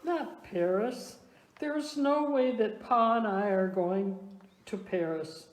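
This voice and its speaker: Slow, stubborn older wife played by a woman. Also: medium pitch, lightly acted. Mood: stubborn, dismissive. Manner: emphatic, deliberate refusals. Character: stubborn older Wisconsin wife Ma, dismissive and emphatic. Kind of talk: amateur church comedy talk-show skit. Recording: roomy echo, background noise.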